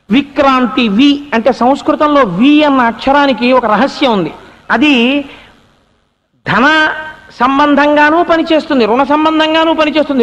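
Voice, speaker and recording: A man delivers a spiritual discourse in a very high voice, retelling a story and pausing to put questions to his listeners. His voice rings with a long reverb from a large hall. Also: lo-fi sound. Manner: animated storyteller, rhetorical questions to the audience.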